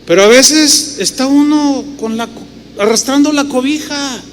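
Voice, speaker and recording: A man's voice: very high-pitched, measured pace. A middle-aged man with a Mexican accent, preaching a sermon as pastor and telling stories with rhetorical questions. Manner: animated storytelling with rhetorical questions. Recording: reverberant hall with faint noise.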